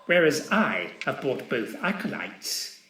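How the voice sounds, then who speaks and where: A cold, sneering male officer who speaks in slow, clipped phrases, as a man puts him on. His pitch rises and falls freely. The recording has a roomy echo. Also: big pitch swings, fairly bright tone, a little hiss or hum.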